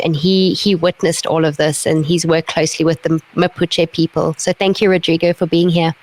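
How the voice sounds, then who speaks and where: Flat low-voiced woman hosting a call. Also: no echo. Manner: warmly thanking, introducing speakers. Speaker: call host.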